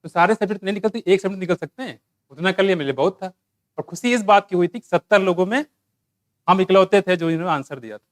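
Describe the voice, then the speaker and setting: A man's voice: high-pitched, quick pace. A man with an Indian accent teaching a biology lesson, conversational, mixing in English terms and telling his own stories to motivate students. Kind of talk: online class lecture.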